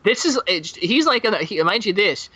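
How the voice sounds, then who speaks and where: A man's voice: sits high, moderate pace, no echo. A man joining a podcast as a guest, telling a comic story with lots of swearing and stumbling restarts. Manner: profane, stumbling, excitable. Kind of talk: improvised comedic storytelling.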